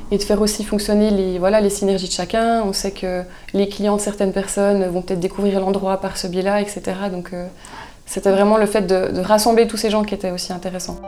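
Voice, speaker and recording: A woman, a guest chatting casually in an interview, relaxed and thoughtful with frequent hesitations. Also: mid-range voice, fast. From Switzerland. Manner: relaxed, thoughtful, many hesitations, laughs easily. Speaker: guest, soap maker.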